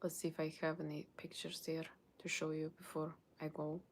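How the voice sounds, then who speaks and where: A woman with a Russian accent, working as a tarot reader, chats casually and informally to livestream viewers, rambling and often checking in with "okay." Her voice is low and completely flat, and she talks fairly quickly. A little hiss or hum is audible.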